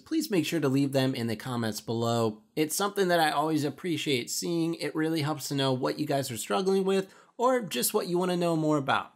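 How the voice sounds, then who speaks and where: A man hosting a software tutorial, explaining each step clearly and casually. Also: fairly high pitch. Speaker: tutorial host. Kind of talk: screen-recorded software tutorial.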